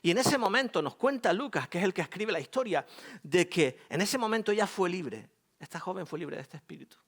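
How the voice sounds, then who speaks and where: Man, pastor, Spain Spanish accent, sermon, animated and joking, lively swooping pitch, fairly high voice. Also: fairly quick. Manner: animated, joking, conversational preaching.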